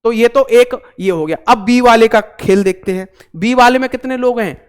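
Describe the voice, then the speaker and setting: Male online tutor, high clear voice, talkative and repetitive. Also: normal speed. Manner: chatty, repeats himself, joking asides to viewers. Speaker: teacher. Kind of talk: online exam-prep class.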